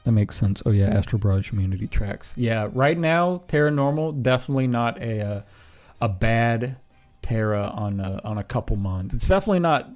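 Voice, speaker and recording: A relaxed male streamer with a mid-range voice thinks aloud while building a team, offering casual, unscripted commentary. He pauses on ums and corrects himself along the way, with faint music playing underneath.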